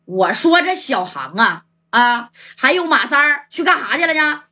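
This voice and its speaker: A woman voices an exasperated male gang leader scolding his reckless underlings. Her exaggerated delivery is high-pitched, bright, and forceful, pitched above her own voice, with big pitch swings at a moderate pace.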